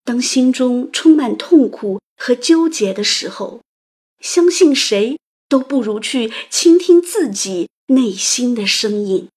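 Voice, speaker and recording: Slow, breathy woman narrating a story. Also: a little high, expressive. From China. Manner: delicate, romantic, gentle. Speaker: audio program host and narrator.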